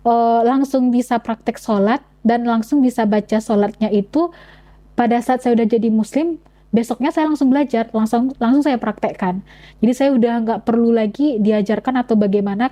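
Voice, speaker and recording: A woman's voice: a little high, warm tone, low-quality recording. A young woman telling her personal story in an interview, speaking earnestly with frequent halts and restarts. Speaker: interview guest.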